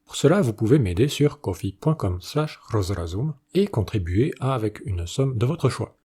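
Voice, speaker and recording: A man, the channel's host, reading a scripted educational narration in a measured, explanatory way. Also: fairly low pitch, big pitch swings, warm tone, slightly rough.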